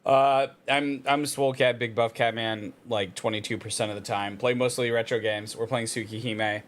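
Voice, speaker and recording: A man's voice: mid-range voice, fairly even intonation, normal speed, a little hiss or hum. A man streaming a visual novel, chatting casually and reading narration aloud in a playful, self-interrupting way. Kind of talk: casual livestream chat with read-aloud narration.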